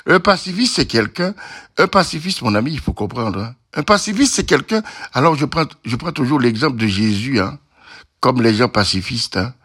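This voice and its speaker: Lively-voiced man ranting rhetorically. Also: medium pitch, normal speed, breathy edge. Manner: rhetorical, asks and answers his own questions; repeats tag words often. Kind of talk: opinionated monologue.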